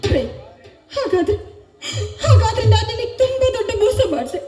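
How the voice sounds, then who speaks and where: A guilt-stricken young woman, played by a woman, pleads in melodramatic stage style. Her very high voice swoops widely from line to line. The recording is echoey, with music behind. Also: big pitch swings, fairly quick, mellow. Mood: pleading. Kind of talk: stage drama acting.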